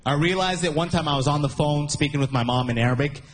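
A man from Sudan doing an animated stand-up comedy set on a festival stage, playing to a laughing audience. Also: quick pace. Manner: animated, jumps high for impressions. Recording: live show with crowd noise.

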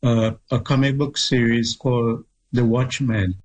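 A middle-aged man from Trinidad with a Trinidadian accent, a guest author telling stories from his childhood in a measured, thoughtful way, with pauses and restarts. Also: medium pitch, steady tone, poor audio. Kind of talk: reflective interview storytelling.

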